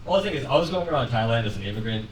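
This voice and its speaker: A young man doing a conversational, deadpan stand-up set on a comedy club stage, laughing lightly at his own lines. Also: medium pitch, rapid-fire, noisy background. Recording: roomy club sound from a distance, with audience laughter. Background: audience laughing.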